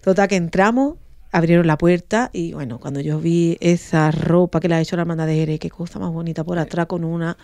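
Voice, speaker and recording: A woman's voice: on the low side, a little fast, no room sound, clean studio sound. A woman, a radio guest telling an emotional story and acting out the quoted voices. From Andalusia, Spain. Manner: animated, acts out quoted dialogue.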